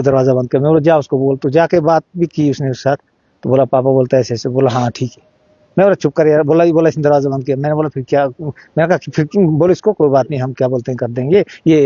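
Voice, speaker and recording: A middle-aged father telling his story in an interview, halting and repeating words while he acts out what each person said. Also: on the high side, mellow, dry recording, highs cut off. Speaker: interviewee, father of the deceased boy. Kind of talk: emotional first-hand account in an interview.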